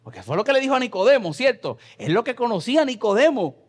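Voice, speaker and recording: A Puerto Rican man preaching a sermon as pastor, reading scripture and swinging between loud passages and soft asides in a church. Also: very high voice, sing-song, fast. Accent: Puerto Rican Spanish. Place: church sanctuary.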